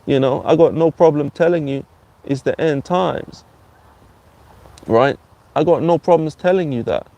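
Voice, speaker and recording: A man's voice: on the high side, a little slow, pauses often, mellow. A channel host giving a blunt, insulting ranting monologue and repeating his phrases.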